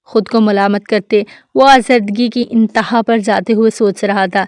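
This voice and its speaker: A woman narrating a dramatic novel in a steady, even reading voice. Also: medium pitch, no echo, clean studio sound. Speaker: novel reader. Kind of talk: scripted narration of a romance novel.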